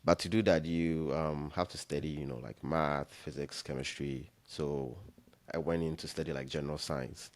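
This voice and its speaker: A young man from Ghana, a guest on an interview podcast, telling his story in a relaxed, rambling way with many fillers and restarts. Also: a bass voice, normal speed, dry recording. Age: young adult. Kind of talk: casual interview chat.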